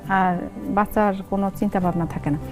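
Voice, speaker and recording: A woman's voice: mid-range voice, fairly quick, music in the background. A middle-aged woman with a Noakhali accent, a guest chatting in an interview and acting out family dialogue as she tells stories. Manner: lively storytelling, acts out family dialogue. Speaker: content creator guest. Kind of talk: casual interview talk.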